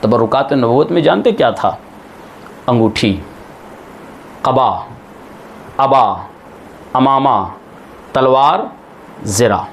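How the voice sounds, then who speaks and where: Male preacher, slow dramatic majlis sermon, voice jumps high on the quotes, faint hiss behind. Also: lively intonation. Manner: slow, dramatic recitation, acting out quoted speech with sudden high swells. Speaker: religious scholar.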